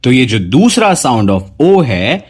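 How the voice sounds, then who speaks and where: A man teaching English pronunciation to Hindi speakers, saying sample words one by one with deliberate, drawn-out care. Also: husky. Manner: drawn-out word examples with a lively rising pitch. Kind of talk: slow, deliberate pronunciation lesson.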